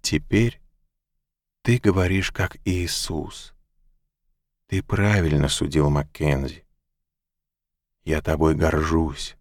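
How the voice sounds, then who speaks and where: A calm, gentle wise woman, soft-spoken and patiently insistent, as a deep-voiced man puts her on. The audiobook voice is low and steady, recorded close and dry. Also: takes it slowly, long pauses, no echo, exaggerated voice. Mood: tender. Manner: quiet, patient, softly insistent. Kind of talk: audiobook narration.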